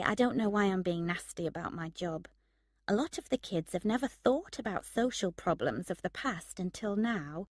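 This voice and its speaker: A woman's voice: mid-range voice, dry recording, studio quality. A woman reading the lines of a wry, self-mocking, idealistic young woman in a storybook reading.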